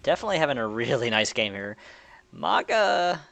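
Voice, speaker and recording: Gravelly-voiced man doing color commentary. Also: medium pitch, a little fast. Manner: relaxed, easygoing, laughs often. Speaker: esports co-caster.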